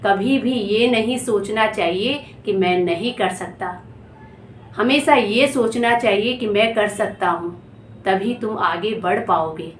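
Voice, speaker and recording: Calm, gentle, wise guru voiced by a woman. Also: mid-range voice, takes it slowly, lightly acted. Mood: encouraging. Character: calm, wise male guru, fatherly teacher. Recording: echoey room, faint background noise.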